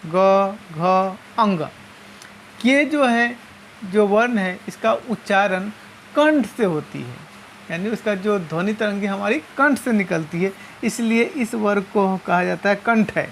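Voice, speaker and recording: A woman teaching a lesson, explaining step by step and slowly spelling out each sound. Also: medium pitch, lively intonation, a little hiss or hum. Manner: slow and methodical, repeating and spelling out sounds.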